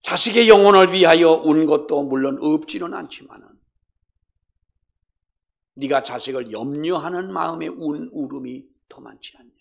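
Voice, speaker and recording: A male pastor with a gravelly voice, preaching a fervent sermon that swings between loud exhortation and hushed storytelling. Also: fairly high pitch, moderate pace.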